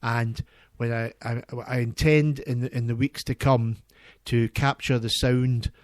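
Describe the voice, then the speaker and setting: A man's voice: medium pitch, steady tone, no room sound. Earnest male radio presenter, dry close sound. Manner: earnest, enthusiastic, halting. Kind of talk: community radio chat.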